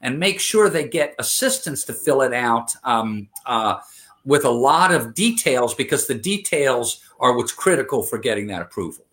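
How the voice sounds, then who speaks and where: The speaker is a man in his fifties, a guest in a conversational interview, whose medium-pitched, somewhat bright voice has lively intonation and a moderate pace. Earnest throughout, he frequently uses fillers and restarts.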